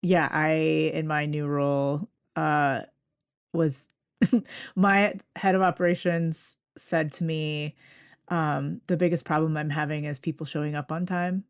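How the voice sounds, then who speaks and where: Low, gravelly-voiced woman hosting a podcast. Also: steady tone. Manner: quick, chatty, laughs often. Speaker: podcast host. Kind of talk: casual interview chat.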